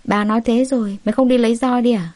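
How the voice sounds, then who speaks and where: A woman voicing a scheming elder sister-in-law who talks fast in a high, shrill, sneering tone. The voice stays mellow in a dry, close recording. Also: steady tone, no echo, lightly acted.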